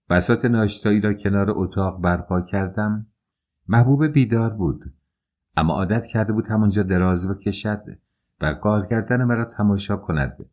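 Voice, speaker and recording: A man narrating an audiobook in the first person, calm and measured. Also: low voice.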